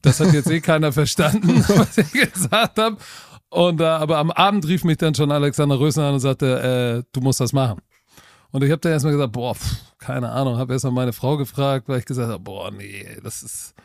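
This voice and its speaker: A middle-aged German man, a guest on a podcast, recounts his career in a loose, self-deprecating tone. His pitch sits in the middle range, and the close mic keeps his voice dry with no room sound. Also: a little fast, no room sound. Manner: relaxed storytelling, self-deprecating. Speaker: guest, football coach and TV expert. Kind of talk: casual interview talk.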